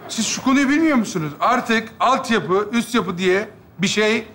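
Casting: a high-voiced, flustered peacemaker in a sketch, over loud audience noise. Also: male voice, moderate pace. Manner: flustered, calming others down. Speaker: comic performer in a sketch. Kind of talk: sketch comedy on stage. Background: audience laughter.

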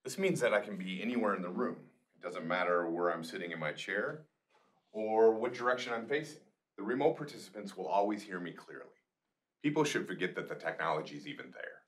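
In a small meeting room, a middle-aged product manager gives a scripted demonstration to camera. His voice is low-pitched and animated, and he speaks fairly quickly.

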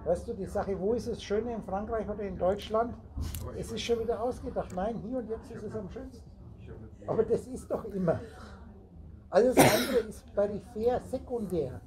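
The poor audio captures a high-pitched man talking at normal speed over crowd noise from the chattering group around him. He's a spiritual teacher lecturing a small gathering in a meeting room, rambling, playing with the roots of words, and addressing listeners head-on.

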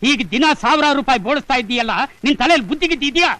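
A man's voice: very high voice, racing, sharp tone, slight background noise, rough recording. An actor playing a hot-tempered, stingy middle-aged father who grumbles and scolds his son. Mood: scolding. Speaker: the hero's father. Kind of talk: Kannada film dialogue.

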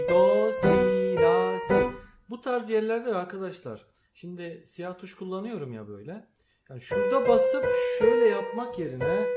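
Male piano teacher, slightly higher voice, patient note-by-note explanations, piano loud underneath. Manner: calls out note names while playing, explains patiently. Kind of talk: step-by-step piano lesson. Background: piano playing.

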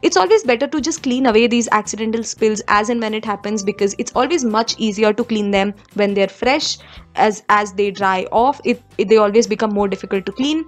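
A woman's voice: medium pitch, fairly quick. Young woman, from India, home vlogger, conversational narration, many restarts, faint background music. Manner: conversational, with frequent fillers and restarts. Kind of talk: voice-over kitchen tips.

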